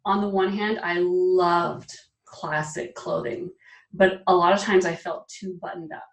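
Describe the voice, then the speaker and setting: Animated woman in her forties, distant, roomy sound. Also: on the low side, a little slow. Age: 40s. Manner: animated and emphatic, laughing often. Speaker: guest, personal style expert. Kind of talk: casual interview chat.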